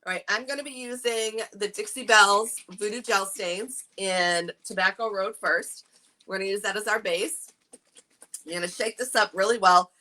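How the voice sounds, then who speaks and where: A woman's voice: medium pitch, moderate pace, pushed and bright, low-quality recording. A middle-aged woman with a New England accent, casually demonstrating furniture staining and chatting with viewers by name. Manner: chatty, reads viewer comments aloud. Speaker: furniture painting instructor. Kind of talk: casual live craft demo.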